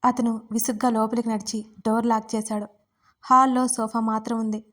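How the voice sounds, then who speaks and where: Female storyteller, scripted romance narration, slightly high voice. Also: moderate pace. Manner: steady reading of a romance.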